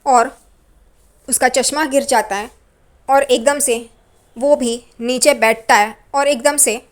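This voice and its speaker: High-voiced woman recapping a serial. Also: steady tone. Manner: brisk retelling with "yahan pe" asides.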